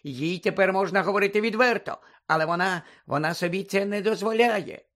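Dobby, a man doing a squeaky eager house-elf. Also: a little fast, fairly bright tone. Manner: talks of himself in third person, keeps saying "sir". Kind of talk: audiobook character voice.

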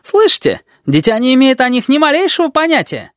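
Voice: mid-range voice, very animated, normal speed, dry recording, clean studio sound, pitched above the performer's own voice, lightly acted. A reader voicing a nervous, bespectacled male caretaker who exclaims in agitation. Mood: agitated.

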